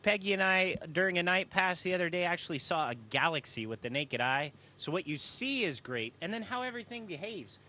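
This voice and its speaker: Enthusiastic man with a bright, higher voice. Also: expressive, a little fast, hardly any pauses. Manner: enthusiastic, folksy. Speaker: astronaut. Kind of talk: casual question-and-answer with students.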